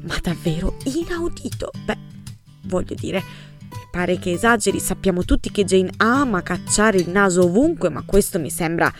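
A woman voicing a deep-voiced elderly spinster who gossips with indignant delight. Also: animated, moderate pace, natural voice. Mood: scandalized. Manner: indignant, scandalized. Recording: music playing behind.

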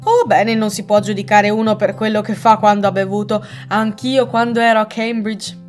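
A woman reading aloud and voicing a stiff, indignant elderly English colonel with a gruff, pompous manner. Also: medium pitch, little pitch movement, moderate pace, faint music behind, lightly acted.

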